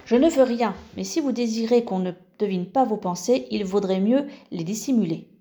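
A woman's voice: fairly high pitch, normal speed, mellow, lightly acted. A woman reading the lines of a determined, outspoken schoolgirl in a storybook. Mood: firm. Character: teenage girl, determined and blunt.

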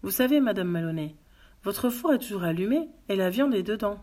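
Woman reading a polite worn-out cop, kinda awkward, husky voice. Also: mid-range voice, expressive, brisk, darkish tone, close to an everyday voice. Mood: courteous. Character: polite, tired police sergeant, man.

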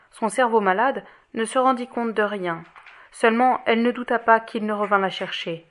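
Female audiobook narrator, somewhat high, measured literary reading.

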